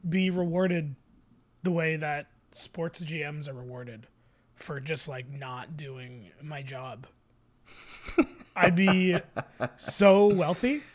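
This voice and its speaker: Man co-hosting a sports podcast, high voice, wry jokes. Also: takes it slowly, pauses often. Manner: wry, joking. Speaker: podcast co-host. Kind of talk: casual sports podcast chat.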